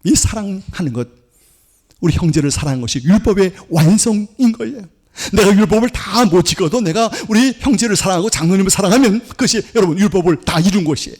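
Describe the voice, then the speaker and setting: A man's voice: high voice, fast talker, darkish tone. A male pastor preaching a Sunday sermon in church, often turning to the congregation with questions and answering them himself. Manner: acts out accusing voices of law and sin. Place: church sanctuary.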